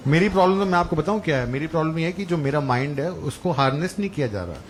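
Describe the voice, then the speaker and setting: A young man with a slightly high voice, lively intonation and a very fast delivery works through a stand-up set on a club stage. He tells stories in a chatty, crude way, landing vulgar punchlines. Loud audience laughter and room noise fill the recording.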